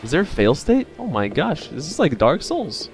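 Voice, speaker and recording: A man's voice: a little high, huge pitch swings, normal speed, faint music behind. A man in his thirties giving casual, playful live gameplay commentary, thinking aloud as he streams. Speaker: video game streamer.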